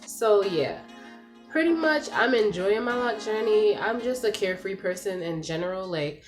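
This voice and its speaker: Congested young woman chatting casually. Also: fairly low pitch. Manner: chatty and candid, says "like" and "y'all" a lot. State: congested from a cold. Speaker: vlogger. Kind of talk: casual talk to camera. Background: music, dog noise.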